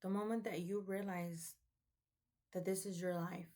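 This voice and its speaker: A woman's voice: fairly low pitch, steady tone, a little slow, dark tone. A young woman giving an earnest, preachy motivational talk in a casual way, often saying "like" and "um.". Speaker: vlogger.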